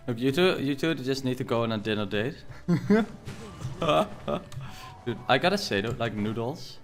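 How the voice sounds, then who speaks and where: Soft music plays as a young Netherlands-born streamer with a heavy Dutch accent chats casually while gaming. He's rambling, jokey and quick to laugh, with an animated, medium-pitched voice at normal speed.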